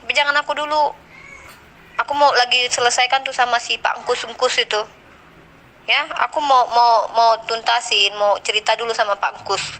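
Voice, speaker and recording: A young woman in a heated religious debate, speaking in a high, bright voice. She teases and mocks her opponent and keeps repeating the same words. Her tone stays pointed and combative. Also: rough recording. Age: young adult. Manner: teasing, repeats "Pak" mockingly.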